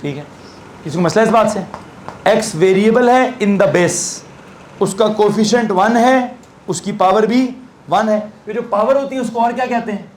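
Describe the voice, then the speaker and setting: A man with a Pakistani Urdu accent, pitched high for a man, teaches a physics lesson in a classroom. He talks conversationally and keeps quizzing his students with playful asides, over faint room ambience. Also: unhurried, slight background noise. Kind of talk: classroom lecture.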